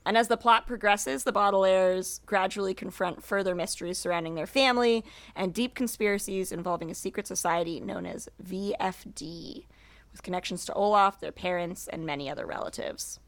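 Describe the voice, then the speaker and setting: A woman's voice: mid-range voice, brisk, no room sound. Teacher lady cohosting a podcast, giggly, says like a lot, chatty. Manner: giggly, animated, lots of "like". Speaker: podcast co-host, first grade teacher. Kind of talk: casual chat.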